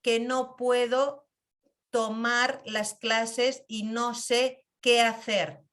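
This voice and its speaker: A woman with a Spanish accent from Spain voicing her anxious teenage son, who rushes through complaints about school. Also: fairly high pitch, level tone, a bit bright. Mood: distressed.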